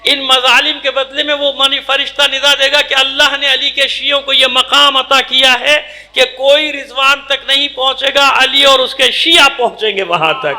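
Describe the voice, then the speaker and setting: A male cleric delivering a sermon at a mourning gathering, emphatic and scolding, firing rhetorical questions and swinging between loud outbursts and low asides. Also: steady tone, few pauses. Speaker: Shia cleric giving a majlis. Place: imambargah during a mourning gathering.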